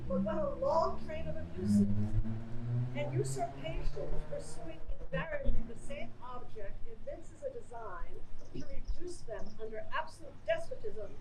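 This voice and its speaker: A woman's voice: sits high, wildly swooping pitch, unhurried. A woman reading a historic document aloud at a live ceremony in a formal, declamatory style. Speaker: ceremony reader. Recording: echoey, distant live microphone, noisy background.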